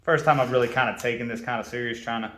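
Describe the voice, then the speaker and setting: A man explains a motorcycle install in a relaxed, hands-on way, often dropping to a near whisper as if talking to himself at work. His voice sits in the middle range. The sound bounces around a roomy garage. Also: medium pitch, very fast. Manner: quiet, half-whispering to himself as he works. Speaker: motorcycle vlogger and mechanic. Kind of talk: casual how-to while working.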